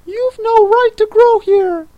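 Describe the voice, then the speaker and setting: A man voicing a tiny, sulky male dormouse in a storybook, squeaky and indignant. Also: takes it slowly, warm tone, no room sound, dull audio. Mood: complaining.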